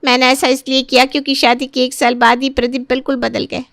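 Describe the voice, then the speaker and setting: A woman's voice: sits high, level tone, brisk, fairly bright tone, dry recording, clean studio sound. A woman voicing a scheming young sister-in-law who confesses in a nervous, apologetic way.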